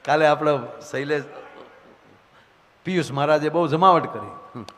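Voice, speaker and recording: A man's voice: a little high, a little slow, fairly bright tone, slight background noise. A man, a folk comedian telling rustic comic stories on stage and acting out the voices in them. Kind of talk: live comic storytelling. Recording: reverberant stage hall.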